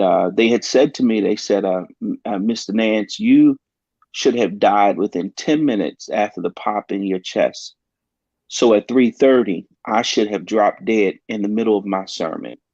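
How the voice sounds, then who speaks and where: This pastor has a low, slightly mellow voice as he tells a personal story earnestly, halting often with ums. There's no room sound; the dry, dull audio feels like a lo-fi talk-show recording.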